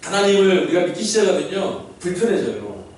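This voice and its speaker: In a large hall full of echo, a high-pitched male pastor preaches a little fast, performing the words he quotes from God and putting questions to those gathered. The mic sits far away and picks up faint noise.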